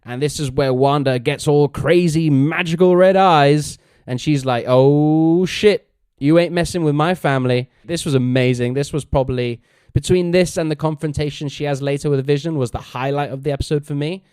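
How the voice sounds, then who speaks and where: A man co-hosting a casual review podcast, animated and laughing as he acts out quotes. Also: fairly high pitch, a little fast, few pauses, clean tone, dry recording, clean studio sound. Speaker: podcast host.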